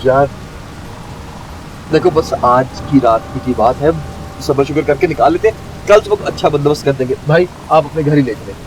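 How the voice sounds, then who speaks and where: An actor playing a flustered young newlywed husband in a TV drama, pleading and repeating himself. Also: male voice, on the high side, moderate pace, music in the background, lightly acted. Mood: coaxing. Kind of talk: TV drama acting.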